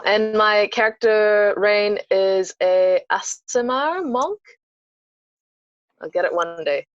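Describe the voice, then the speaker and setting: A woman's voice: on the low side, no room sound. A woman introducing herself as a player in a tabletop game over a video call, bubbly and laughing at her own stumbles. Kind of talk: casual chat at a tabletop game. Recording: slightly muffled dry video-call audio.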